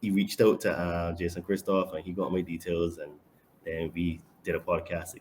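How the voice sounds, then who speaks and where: A man from Barbados with a Barbadian accent, a guest on a casual podcast, speaking confidently and emphatically with sudden bursts of loudness. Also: deep voice, level tone, normal speed, a little hiss or hum. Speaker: podcast guest and online fitness coach.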